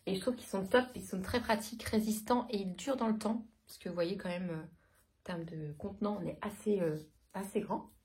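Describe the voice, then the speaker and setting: A woman's voice: mid-range voice, normal speed, a little mellow, slight background noise. A woman in her thirties chatting casually through a shopping haul, hesitant with many fillers. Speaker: vlogger. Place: home.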